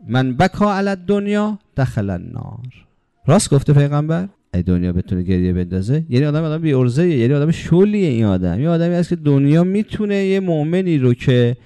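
Mellow-voiced man giving a religious lecture. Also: mid-range voice, no room sound, clean studio sound. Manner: rhetorical questions and long spoken lists.

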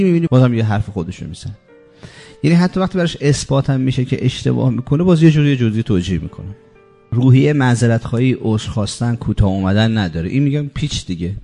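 A man giving a religious sermon, speaking emphatically and piling up repeated lists, slowing down to stress key words. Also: mid-range voice, dark tone. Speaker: preacher.

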